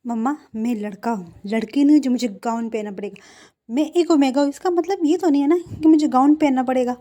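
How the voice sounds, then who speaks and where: A woman's voice: sits high, brisk, dark tone, natural voice. A woman voicing an emotional, stubborn young male groom who stammers through indignant outbursts in a storybook reading.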